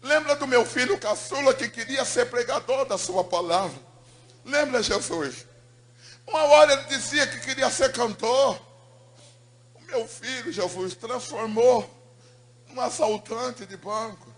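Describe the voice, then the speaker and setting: A man's voice: very high-pitched, unhurried, a bit bright, voice pushed up. A man voicing his elderly mother, praying fervently and pleading for her lost son. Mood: tender prayer.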